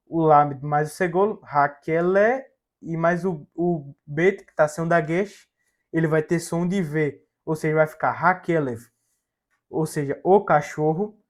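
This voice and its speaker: Male language teacher, fairly high voice, slow and methodical, sounds out syllables. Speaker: Hebrew teacher. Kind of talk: slide-based language lesson.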